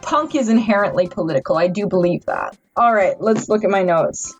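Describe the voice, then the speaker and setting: A woman's voice: mid-range voice, expressive, brisk, slightly rough, muffled recording, faint music behind. A drunk woman giving a casual, rambling review from notes, stumbling over her words with mock-earnest seriousness. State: tipsy, drunk. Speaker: amateur movie reviewer.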